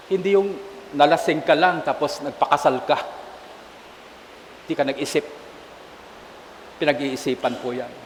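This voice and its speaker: High-voiced Filipino preacher in a church. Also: male voice. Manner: switches between Tagalog and English, asks the congregation "Amen?". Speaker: bishop preaching at Mass. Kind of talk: sermon. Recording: echoey church hall with faint hiss.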